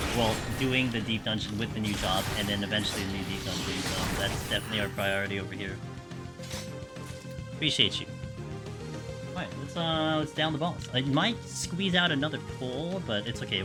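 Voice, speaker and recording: A young man on a livestream headset mic, chatting casually and rambling with lots of fillers while he plays a game. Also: on the low side. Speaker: game streamer. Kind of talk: casual live commentary while playing. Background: loud game music.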